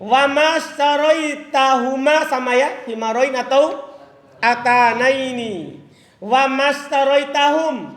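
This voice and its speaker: A male teacher with a very high voice gives a live grammar lecture. He recites Arabic phrases slowly and keeps asking his listeners questions, then answers them himself. The room is echoey, and a long reverb hangs after his words.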